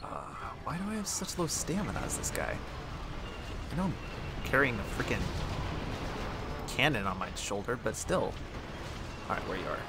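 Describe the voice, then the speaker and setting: A man giving let's-play commentary, excitable, swinging from quiet muttering to yelling at the game. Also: medium pitch, normal speed, long pauses, very noisy. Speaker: gaming channel host.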